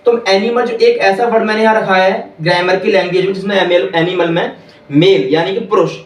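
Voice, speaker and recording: A man teaching English grammar in a classroom, repeating each point slowly and quizzing the listeners. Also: high-pitched, steady tone. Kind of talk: classroom lesson. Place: classroom with whiteboard. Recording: echoey room, voice from far off.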